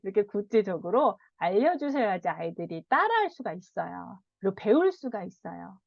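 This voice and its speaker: A woman child counselor giving a parenting lecture, animated, often laughing and acting out what children and parents say. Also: mid-range voice, normal speed, creaky, no echo. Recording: dull, dry sound.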